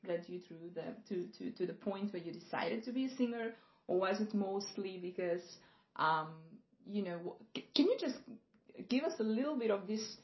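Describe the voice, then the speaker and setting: Gravelly-voiced woman host in a roomy room. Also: medium pitch, expressive, normal speed. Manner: warm encouraging asides, rambling questions. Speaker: senior vocal coach, podcast host. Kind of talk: casual podcast interviewing. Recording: roomy, slightly dull podcast audio.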